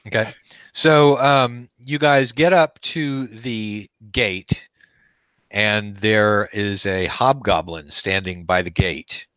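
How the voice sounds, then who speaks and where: A man narrating a tabletop game as game master, haltingly, searching for his words as he improvises. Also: fairly low pitch, fairly bright tone, smooth, dry recording, low-quality recording. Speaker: game master, host of the live play.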